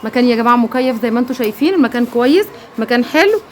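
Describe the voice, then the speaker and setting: An Egyptian woman presents a casual shopping promotion in a slightly high voice. She talks extremely fast and gushes over what she shows. There is light shop noise in the background. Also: lively intonation. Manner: gushing, echoing the seller with exclamations. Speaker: presenter of shop sale video. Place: air-conditioned clothing shop in a market.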